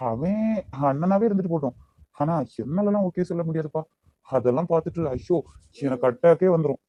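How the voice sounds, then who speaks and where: A man's voice: on the high side, fairly quick, no room sound, lo-fi sound, close to an everyday voice. A man voicing a jealous, bossy young man in a cartoon, with a Kanyakumari Tamil accent. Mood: grumbling. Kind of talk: amateur cartoon voice acting.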